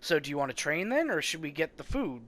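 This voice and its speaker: A man's voice: a little high, very animated, fast talker, bright, forceful tone. A young man reading a story game aloud and chatting casually with a friend, joking and yawning. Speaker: let's play host.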